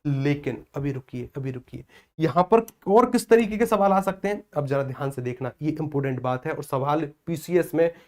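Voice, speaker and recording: Lively Hindi teacher, man, fairly high voice. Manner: lively, asks and answers his own questions; playful, acts out village celebration chants. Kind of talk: exam-prep classroom lecture.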